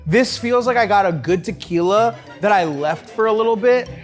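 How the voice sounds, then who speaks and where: A man's voice: sits high, normal speed, faint music behind. A man co-hosting a casual tasting chat, tossing off playful quips. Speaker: co-host.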